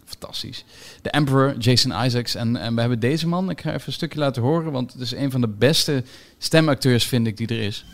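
A man's voice: medium pitch, a little fast, few pauses. A man co-hosting a podcast about TV series, chatting casually and explaining the cast with enthusiasm. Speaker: podcast co-host. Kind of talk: casual chat reviewing series.

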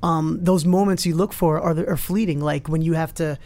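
Fast-talking male talk show host. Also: a little high, fairly even intonation, darkish tone. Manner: fast, enthusiastic storytelling. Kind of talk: casual interview chat.

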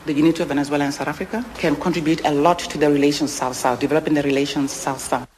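A man with a somewhat high voice giving a live interpreter voice, racing to keep up with the speaker. His phrasing comes out hurried and a little broken, with faint noise underneath. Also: steady tone.

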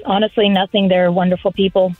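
A woman's voice: mid-range voice, flat delivery, brisk, no room sound. A woman with a patient, soothing customer service voice chats as a phone-in guest. Her line is dull and lo-fi with little room sound, and music plays behind her. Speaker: radio show phone-in guest, personal assistant. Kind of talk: friendly phone interview chat.

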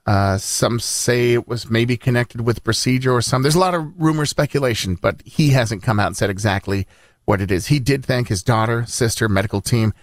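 A man's voice: medium pitch, fairly quick, no echo. Conversational male radio host, dry studio sound. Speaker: morning radio news host. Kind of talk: conversational news reading and banter.

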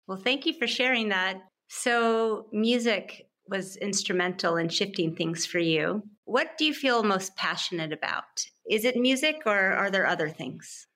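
A woman hosts a podcast with a medium-pitched, expressive voice that sounds pushed and bright. She moves at a measured pace with hardly any pauses, reading a scripted introduction before asking interview questions in a polished, welcoming manner. A music bed plays beneath her voice.

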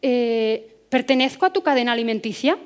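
Una mujer que pone voz a una pequeña luciérnaga asustada y suplicante en un cuento narrado. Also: female voice, a little high, expressive, normal speed, lightly acted. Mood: anxious questioning. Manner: pleading, breathless. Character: small frightened female firefly.

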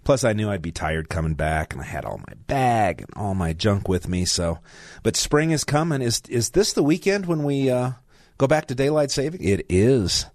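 A man's voice: lowish voice, big pitch swings, moderate pace, darkish tone, no echo. An older man guest hosting a talk radio show, chatting in a rambling way with asides. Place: radio studio. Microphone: studio mic.

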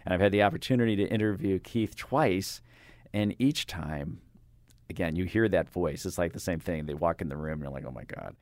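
Low-voiced older man, halting and rambling. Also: darkish tone, dry recording, clean studio sound. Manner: rambling, halting with many fillers and restarts. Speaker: radio interviewer. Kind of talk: casual interview chat. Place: radio studio. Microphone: studio microphone.

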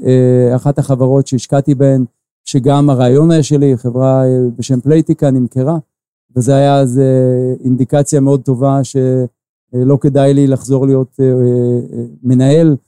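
Halting Israeli man, dark smooth voice. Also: medium pitch, level tone, no echo. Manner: halting, many filler pauses. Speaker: investor guest. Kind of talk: interview answers.

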